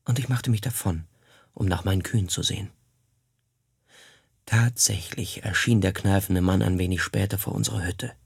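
A man narrating a first-person memoir in a steady, plain storytelling manner. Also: low-pitched, normal speed, vocal fry, long pauses, husky, no room sound, studio quality.

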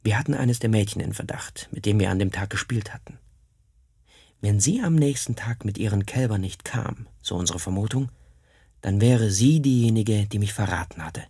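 A man narrating a first-person memoir in a steady, plain storytelling manner. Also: lowish voice, normal speed, husky, dry recording, studio quality.

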